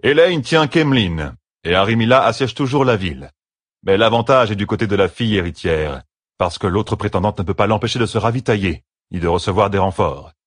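A man's voice: on the low side, animated, fairly quick, dry recording, clean studio sound, pitched above the performer's own voice. A man voicing a brash, proud male warrior who delivers a matter-of-fact report in a fantasy audiobook. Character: Logain, proud dark-haired male warrior.

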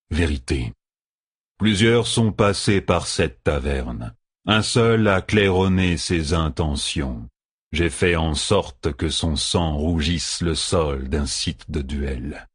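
A man voicing a gruff, middle-aged tavern keeper who speaks slowly, low and measured. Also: no echo, clean studio sound, exaggerated voice. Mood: grim.

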